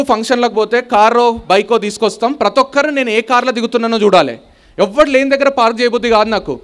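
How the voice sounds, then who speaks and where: A man with a Telangana Telugu accent addresses a school gathering in a high, light voice. He tells his story with animation and moves easily between Telugu and English as he makes his points. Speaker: guest speaker. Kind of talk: motivational speech with a story. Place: school annual day event.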